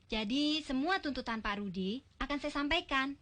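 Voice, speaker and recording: An actress playing a bossy young woman in a 1990s comedy film, brisk and commanding. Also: high voice, animated, a bit bright, slight background noise.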